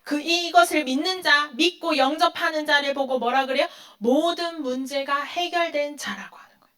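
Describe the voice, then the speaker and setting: A woman's voice: high-pitched, normal speed, fairly bright tone. A woman giving a sermon to a youth group, asking her listeners questions and then answering them herself, and acting out the quoted lines. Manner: acts out quoted lines in a dramatic voice. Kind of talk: sermon to teenagers.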